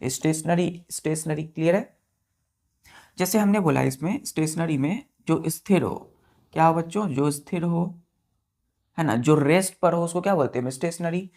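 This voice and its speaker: Sitting low with a dark tone, a woman speaks at a moderate pace in an Indian accent. She teaches vocabulary with classroom patience, spelling terms one letter at a time and checking that students follow along.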